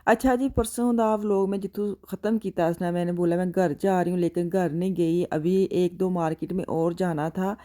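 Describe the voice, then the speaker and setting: A woman's voice: on the low side, fairly even intonation, brisk, few pauses, warm tone. A woman from Pakistan with a Punjabi accent, chatting casually to her viewers as a vlogger and narrating her daily errands. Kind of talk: casual vlog chat.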